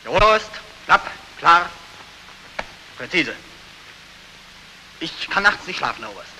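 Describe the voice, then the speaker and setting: A young soldier back from war, haunted and sleepless. His high voice is sharply forceful and swings widely, with feverish intensity and military deference. It is 1940s film acting on a soundtrack with faint hiss. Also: big pitch swings, takes it slowly, full character voice, poor audio. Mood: haunted, strained. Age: young adult.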